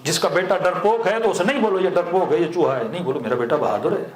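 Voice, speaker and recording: A male cleric giving a sermon full of stories. He asks the audience questions, answers them himself, and chuckles now and then. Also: fairly high pitch. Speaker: Shia cleric. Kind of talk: sermon with storytelling. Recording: echoey hall.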